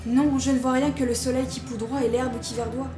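A young sister on watch, played by a woman, answers in a calm, reporting voice in a storybook reading. Her voice is lifted a little higher than the reader's own, and music runs behind her. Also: a little fast, natural voice.

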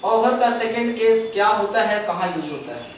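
In a classroom with a chalkboard, a young man gives a grammar lecture in a high, sing-song voice, explaining step by step and stretching out example sentences slowly. He poses questions and answers them himself, blending English phrases into Hindi. The recording comes from a far camera in an echoey room, with slight background noise.

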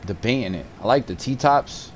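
A man casually commenting on his game as a streamer, thinking aloud in relaxed slang and often repeating phrases. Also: medium pitch, normal speed, slight background noise.

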